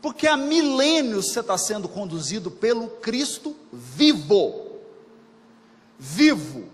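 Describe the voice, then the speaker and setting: A man gives a spiritist lecture, his fairly high voice swooping up and down with lively energy. He speaks colloquially, repeats key phrases and asks his listeners questions. The sound carries a long hall reverb. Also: normal speed. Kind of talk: spiritist lecture to a live audience.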